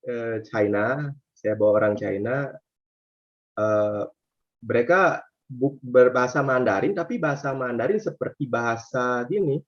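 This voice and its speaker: A man, working as a tour guide, answering interview questions casually, with many hesitations and fillers, lively when he acts out his guests. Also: mid-range voice, unhurried. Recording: slightly muffled lo-fi recording.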